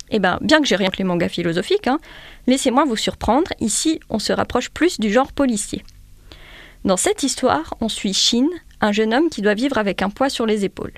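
A woman's voice: fairly high pitch, no echo. A woman presenting a manga in a chatty scripted review with self-mocking asides. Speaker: book presenter. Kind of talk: scripted radio book review.

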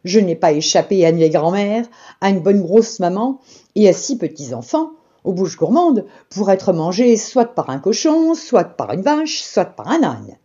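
A woman's voice: mid-range voice, very animated, warm tone, slightly rough. Runaway pancake played by a woman, proud, chanting, storybook, muffled recording. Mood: boastful. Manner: chanting, rushing refrain. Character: fleeing golden pancake, female, proud and breathless.

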